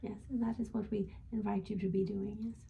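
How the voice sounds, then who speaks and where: A woman channeling a gentle male spirit guide as a seance medium, speaking formally and ending phrases with a questioning "yes?". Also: mid-range voice, little pitch movement, a little fast, creaky, slight background noise. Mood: gentle, assured. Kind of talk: spiritual guidance in trance channeling session.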